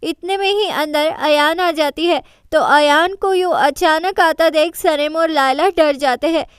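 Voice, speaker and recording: High-voiced woman narrating a drama recap. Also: a little slow, no room sound, studio quality. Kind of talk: storytelling recap voicing all characters.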